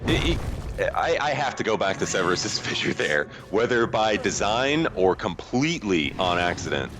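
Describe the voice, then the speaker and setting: A man with a fairly low voice and very varied intonation calls a video game casually. He is conversational and joking, with faint noise behind him. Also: big pitch swings, normal speed. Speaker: esports commentator. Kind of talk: casual live play-by-play game commentary.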